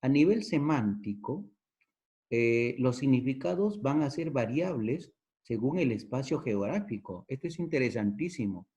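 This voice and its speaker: A man's voice: mid-range voice, expressive, measured pace, warm tone. A man with a Peruvian accent teaching a lesson, explaining step by step, repeating key terms and checking in with the listener. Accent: Peruvian Spanish. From Peru. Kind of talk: recorded lesson. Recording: dull lo-fi recording.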